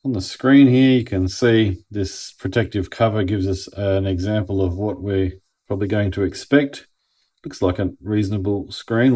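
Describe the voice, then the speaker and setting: In a lowish, dark-toned voice, an Australian man offers relaxed unboxing and review commentary on a product in hand. His manner is plain and easygoing, like he's thinking out loud.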